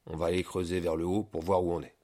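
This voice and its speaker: A man voicing a big, kind male dog in a spoken storybook, gentle and reassuring. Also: low voice, level tone, fast.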